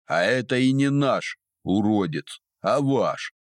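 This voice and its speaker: A man doing a gruff, mocking old overseer. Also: fairly low pitch, lively intonation, slow pace, no room sound, clean studio sound. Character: sly old male overseer of a small underground folk, gruff and scornful.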